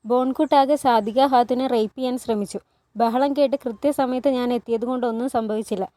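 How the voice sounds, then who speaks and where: A woman's voice: on the high side, steady tone, brisk, dark tone, dry recording. A woman retelling a TV drama as a story, reading every character's lines in her own voice and rising for cries and pleas. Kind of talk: storytelling narration with voiced dialogue.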